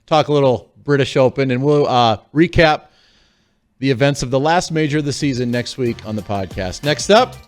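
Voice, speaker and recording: A man in his forties hosting a golf podcast. He talks in a friendly, chatty way between segments, with an ordinary mid-pitched voice. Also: normal speed, faint music behind. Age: 40s. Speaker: podcast host. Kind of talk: casual show hosting.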